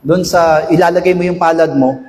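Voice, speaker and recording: A man, a pastor giving a chatty, storytelling sermon that swings up to loud shouted exhortation. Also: fairly high pitch, fairly even intonation, fairly quick, slight background noise. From Philippines. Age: 50s. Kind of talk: conversational sermon. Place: church sanctuary. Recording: echoey church hall, long reverb.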